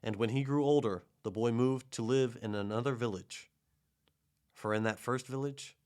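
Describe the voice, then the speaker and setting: A man narrating a children's storybook in a gentle, measured way. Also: mid-range voice, clear, resonant tone. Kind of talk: storybook reading.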